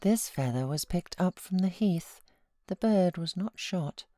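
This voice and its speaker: This take of the same feverish, self-pitying young gentlewoman, still given to dramatic outbursts and anguished pleading, turns dreamy and wandering. The woman's voice sits fairly low, expressive and measured in pace, with studio quality and no room sound.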